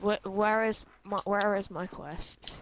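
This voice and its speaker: A man's voice: high-pitched, steady tone, takes it slowly, a bit bright, a little hiss or hum. A man playing a tabletop game, asking plain, hesitant questions. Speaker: player.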